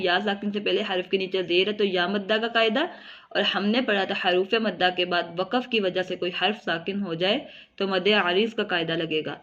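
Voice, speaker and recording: A woman teaching tajweed. She explains each rule step by step and recites words slowly and drawn out. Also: medium pitch, a bit bright, highs cut off. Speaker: Quran teacher. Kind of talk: tajweed lesson.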